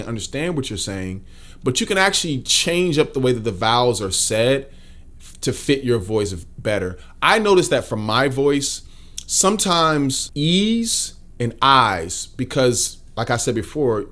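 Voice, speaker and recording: A man giving casual singing tips in a relaxed, explanatory way. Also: medium pitch, moderate pace. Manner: relaxed, explanatory, demonstrates as he talks. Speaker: singer giving vocal tips. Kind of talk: casual vocal lesson.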